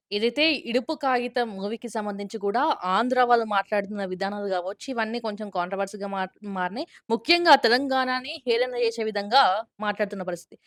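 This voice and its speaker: A woman interviewer who opens a news channel interview with a brisk, formal introduction. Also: mid-range voice, no echo, clean studio sound.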